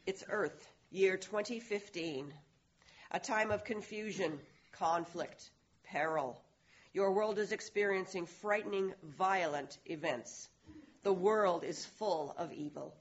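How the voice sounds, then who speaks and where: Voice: medium pitch, takes it slowly, highs cut off, lightly acted. An actor voicing an otherworldly herald who warns humanity in a grave, declaiming way in an audio drama.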